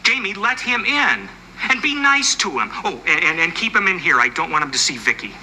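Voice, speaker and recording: An actor playing a flustered suburban dad who keeps backpedaling nervously in a sitcom. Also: male voice, high voice, very animated, a little fast, noisy background. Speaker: father and husband. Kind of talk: sitcom acting.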